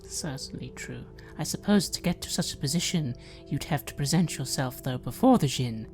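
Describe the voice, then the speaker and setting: Very low-voiced woman, soft and sly. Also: expressive, brisk. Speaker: player. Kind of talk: in-character tabletop role-play. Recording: faint music behind.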